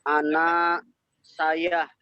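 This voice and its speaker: Man, student, slow flat reading, dry, dull line. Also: on the high side, smooth, dry recording. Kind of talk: reading aloud in class.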